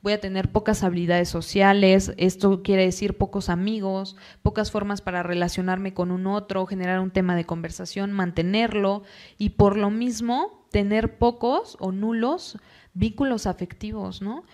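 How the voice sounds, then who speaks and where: A woman, a psychologist guest in a podcast interview, explaining calmly and acting out short quoted asides. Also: medium pitch. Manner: calm, explanatory, acts out parents and children in quick quoted asides.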